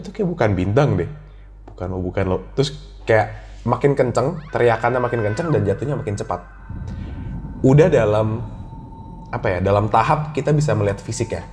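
A young man with a Jakarta accent, animatedly telling a childhood ghost story in a casual podcast chat. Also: fairly low pitch. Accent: Jakarta slang. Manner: animated storytelling, acts out his own childhood voice. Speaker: guest storyteller.

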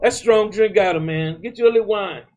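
A man's voice: sits high, a little fast, darkish tone. A man preaching a loose, emphatic sermon, often repeating words and adding "man". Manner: repeats words while building a point. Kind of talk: street-style sermon.

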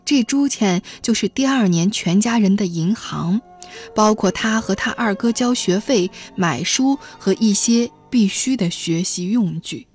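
A woman narrating a novel aloud in a steady storytelling manner. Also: mid-range voice, unhurried, soft background music. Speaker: audiobook reader.

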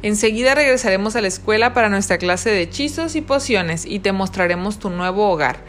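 A woman voicing a calm adult witch who teaches and gives firm but kind orders. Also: medium pitch, brisk, a little hiss or hum, lightly acted. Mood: gentle command. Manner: hushing, kindly, firm.

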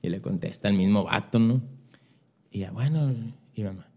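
A young man with a Mexican accent tells stories as a guest on a podcast. His voice sits a little low, and his talk is loose, slangy and animated. He slips into other people's voices as he recounts events. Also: moderate pace. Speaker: guest, radio announcer and songwriter. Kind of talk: casual storytelling chat.

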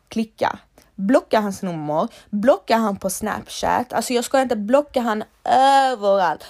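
Young woman, fry-heavy voice, talks straight at the listener, blunt, repeats her points, curses for emphasis. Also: mid-range voice, darkish tone. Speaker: advice-giver. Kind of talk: heartfelt direct-to-camera advice.

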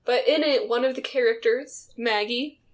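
A woman's voice: fairly high pitch, normal speed. A woman co-hosting a podcast, chatting casually in an easy, amused way. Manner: laughs easily as she talks. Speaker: podcast co-host. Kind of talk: casual chat.

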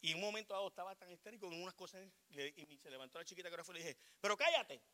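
A middle-aged man with a Puerto Rican accent preaching a sermon, shifting from loud declarations to quiet asides. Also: sits high, racing. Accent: Puerto Rican Spanish. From Puerto Rico. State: short of breath. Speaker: pastor.

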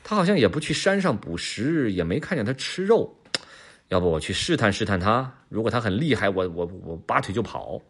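A man's voice: fairly low pitch, big pitch swings, brisk, husky, heavily acted. A man voicing a wary, scheming male tiger in a children's story, stammering and exclaiming as he sizes up his prey.

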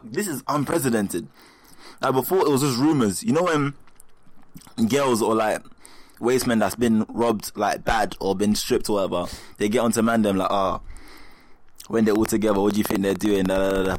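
A man's voice: lowish voice, normal speed, no room sound. A young man with a London roadman accent, ranting casually in heavy street slang, repeating himself emphatically and incredulously. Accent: London multicultural slang, roadman. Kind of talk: casual comic rant, chat.

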